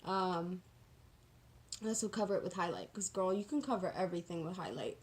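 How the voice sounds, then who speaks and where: A woman's voice: lowish voice, animated, brisk. Sassy woman chatting through makeup. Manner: sassy, slangy, self-deprecating. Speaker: makeup vlogger. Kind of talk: casual chatty get-ready-with-me tutorial.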